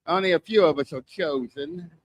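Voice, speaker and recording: A man's voice: fairly high pitch, moderate pace, dull audio. An older man doing self-deprecating, crude stand-up comedy, with a strong lisp and wet, whistling s sounds. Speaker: stand-up comic. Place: live comedy open mic show.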